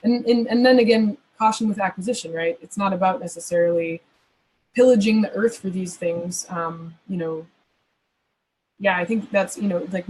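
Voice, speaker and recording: Woman guest, husky voice, thoughtful and rambling Q&A answers. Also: fairly low pitch, darkish tone, rough recording. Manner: thoughtful, rambling with many fillers. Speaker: astrologer guest. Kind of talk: conversational Q&A answers.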